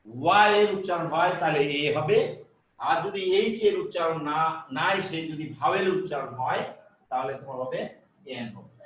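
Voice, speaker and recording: দূর থেকে প্রতিধ্বনিময় ঘরে ধীরে বোঝানো এক পুরুষ শিক্ষক. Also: male voice, a little high, a bit bright, slight background noise. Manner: halting, many filler sounds and restarts, rhetorical questions. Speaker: teacher. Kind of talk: grammar lesson at a board. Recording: echoey room, voice from some distance.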